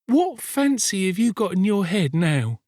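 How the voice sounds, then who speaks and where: A man's voice: high-pitched, very animated, measured pace, darkish tone, no room sound, studio quality, voice pushed up. A man voicing a weary, ailing young woman in an audiobook, tender, plaintive and coaxing. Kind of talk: dramatised audiobook reading of a classic novel.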